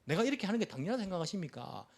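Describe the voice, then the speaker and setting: A man's voice: high voice, big pitch swings, very fast, creaky, darkish tone, heavily acted. Exasperated complaining woman, as a male preacher puts her on. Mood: indignant. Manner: indignant rhetorical complaining.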